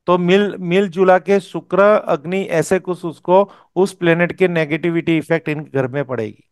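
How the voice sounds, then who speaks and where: Working through his course step by step, this vastu teacher keeps checking understanding with "okay?" His voice sits high and smooth at a moderate pace, captured dry with studio quality.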